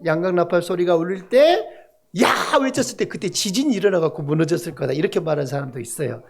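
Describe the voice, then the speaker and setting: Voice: medium pitch, lively intonation, quick pace, a little mellow, husky. A pastor preaching a Sunday sermon in a church, asking the congregation questions and joking with the children. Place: church sanctuary.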